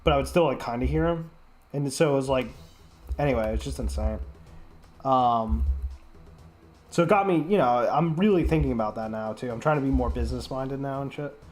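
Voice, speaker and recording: A man's voice: mid-range voice, fairly quick, long pauses, darkish tone, faint music behind. Sick young man rambling casually. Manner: rambling, heavy filler words, profane. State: sick, congested. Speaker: streamer. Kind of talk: casual rambling stream chat.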